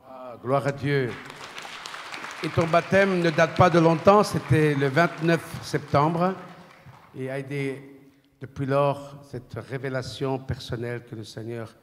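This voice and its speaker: Man, church host, fervent, exclamatory, mid pitch, long echoing hall. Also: unhurried, some chatter behind, a little hiss or hum. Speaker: church leader presenting a testimony. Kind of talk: church service hosting.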